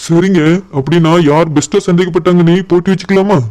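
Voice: mid-range voice, steady tone, fast talker, mellow, lightly acted. A voice actor playing a young married husband in a cartoon, reasoning and pleading with a suspicious wife, with a little sarcasm. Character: patient married young husband defending himself. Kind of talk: cartoon voice acting.

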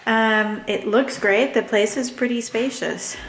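A young woman chatting casually to a handheld camera as a travel vlogger, animated and quick to laugh. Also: a little high, music in the background, low-quality recording. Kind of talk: casual vlog narration to camera.

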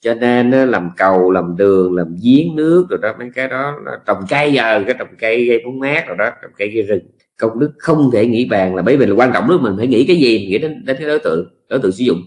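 A man with a Southern Vietnamese accent giving a Buddhist dharma talk as a monk, speaking in a folksy way with lots of repetition and drawn-out phrases. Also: mid-range voice, expressive.

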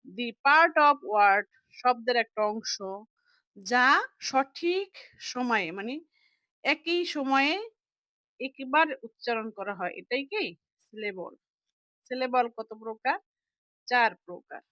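A young woman teaching a lesson, slowly explaining and repeating words as she breaks them into parts. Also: a little high, lively intonation, sharp tone, no room sound, rough recording.

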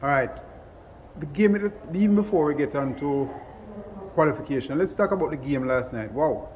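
A man with a slightly raised pitch throws short, upbeat questions at a coach after a match. Faint noise sits behind his voice. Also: animated, normal speed, long reverb tail, muffled recording. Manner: brief, upbeat prompting questions. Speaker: sports show interviewer. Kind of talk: post-match interview questions.

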